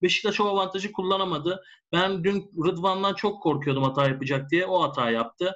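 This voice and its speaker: A man's voice: high-pitched, fairly quick, fairly bright tone, dull audio. A man in a casual sports discussion, explaining his points as a commentator and repeating phrases for emphasis. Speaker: football commentator.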